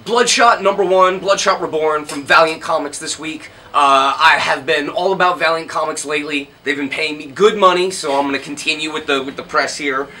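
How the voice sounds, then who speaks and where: A man's voice: a little high, fairly quick, hardly any pauses, bright, forceful tone. A man co-hosting a comic book recommendation show, chatting casually and enthusiastically with lots of ums and jokes. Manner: enthusiastic, filler-heavy, joking. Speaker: comic shop show co-host.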